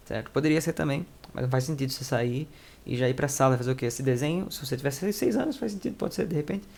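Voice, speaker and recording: Guy teaching english in portuguese, says the english lines slow and over again, chill explainer vibe. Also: medium pitch, lively intonation, creaky, darkish tone. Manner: repeats English phrases slowly and carefully. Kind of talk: explanatory lesson, translating sentences.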